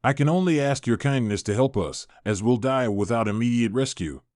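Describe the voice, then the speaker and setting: Casting: excitable female scientist, eager and rushed, dry close read, man voices her. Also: medium pitch, dry recording, natural voice. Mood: pleading. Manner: eager, rushing and pleading. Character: excitable woman scientist on a stranded ship.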